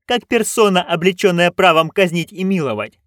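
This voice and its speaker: A shrill, domineering noblewoman barks orders in a raised, pinched voice, as a male audiobook reader puts her on. Her lines swoop high and sharp. The sound is close and dry. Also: lively intonation, normal speed, no echo. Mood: imperious. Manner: commanding, sharp. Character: haughty shrill noblewoman, imperious and scheming. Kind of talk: audiobook character voice.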